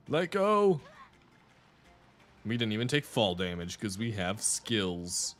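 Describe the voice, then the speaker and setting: A man's voice: fairly low pitch, measured pace, a bit bright, faint music behind. A young man chatting casually while streaming a video game, rambling with restarts and laughs. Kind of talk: casual live-stream chat while gaming.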